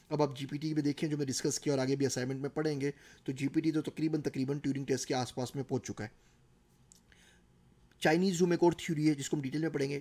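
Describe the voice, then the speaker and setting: A man's voice: fairly high pitch, dark tone. A middle-aged man with a Pakistani Urdu accent giving a recorded course lecture, explaining ideas through everyday examples.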